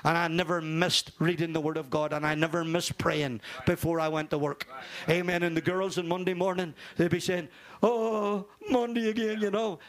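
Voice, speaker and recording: Older guy preaching, high voice, keeps saying amen and praise god, rambly. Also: flat delivery, brisk, few pauses, fairly bright tone. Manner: fervent, peppered with amen and hallelujah; rambling, repeats words. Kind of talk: informal sermon.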